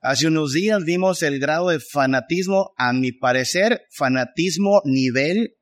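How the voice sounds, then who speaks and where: Male preacher, slightly high voice, slow deliberate sermon delivery with rhetorical questions. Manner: emphatic, rhetorical questions, acts out voices of others.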